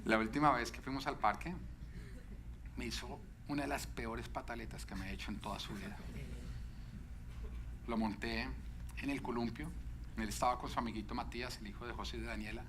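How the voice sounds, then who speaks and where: A man preaching a sermon as pastor, telling stories with lively shifts into quoted voices. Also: fairly quick, long pauses, background noise. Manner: animated storytelling, quoting a child in a high shouting voice.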